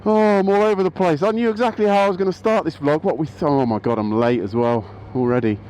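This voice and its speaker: Out of breath beside a road, with outdoor street noise audible, a man rambles through a casual vlog monologue about his motorbikes, regularly breaking off and beginning sentences again. He talks fast in a fairly high, slightly mellow voice, and the recording is rough.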